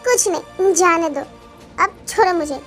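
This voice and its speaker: A woman voicing a proud, sharp-tongued young wife in a fan-dubbed drama. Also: very high voice, measured pace, faint music behind. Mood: haughty. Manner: sassy, boastful. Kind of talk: Hindi fan dub acting.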